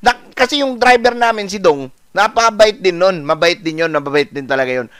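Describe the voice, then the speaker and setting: A man's voice: sits high, moderate pace, clean tone, dry recording, clean studio sound. A man from the Philippines telling a story in a casual vlog, acting out the dialogue and repeating lines. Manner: animated, acts out dialogue with repetition. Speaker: vlogger.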